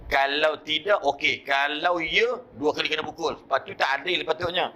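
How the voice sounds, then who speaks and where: A male preacher with a Malaysian Malay accent delivering a mosque sermon through lively storytelling and acted-out voices. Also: on the high side, normal speed, slight background noise.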